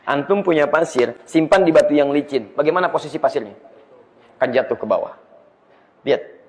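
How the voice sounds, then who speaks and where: A man preaching an Islamic study sermon, asking the audience rhetorical questions in a lively way. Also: fairly high pitch, a little fast. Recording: echoey hall, slightly dull sound.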